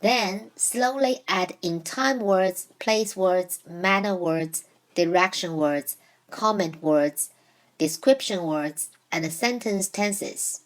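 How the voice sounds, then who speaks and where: Her mid-range voice comes through a rough recording as she teaches Mandarin from a script. Chinese is her first language, and she speaks clearly and deliberately, easing the pace for example sentences.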